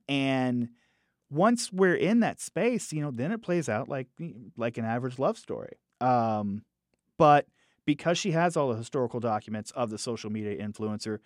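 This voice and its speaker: A man talks through a film review with a middle-pitched voice, animated and restarting his phrases as he thinks aloud. The sound is dry and close to the mic, with no room echo. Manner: animated, acts out quoted characters in raised voices. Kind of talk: casual podcast film review.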